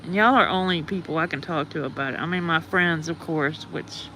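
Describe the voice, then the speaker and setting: A woman's voice: sits low, fairly quick, pushed and bright, a little hiss or hum. A woman hosting a livestream with a groggy morning voice, rambling casually and greeting her viewers. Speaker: livestream host.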